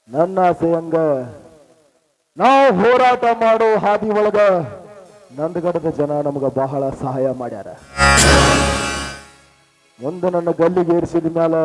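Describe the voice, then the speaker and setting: An actor in a village stage drama playing a defiant young rebel hero facing the gallows, declaiming proudly. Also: male voice, fairly high pitch, poor audio. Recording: loud music behind the voice.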